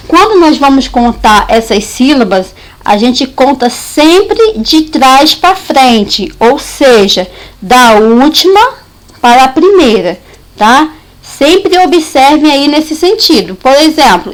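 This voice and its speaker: Woman, teacher, high voice, repeats herself, checks students follow. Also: low-quality recording. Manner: patient, repeats points, checks understanding. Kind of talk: recorded classroom lesson.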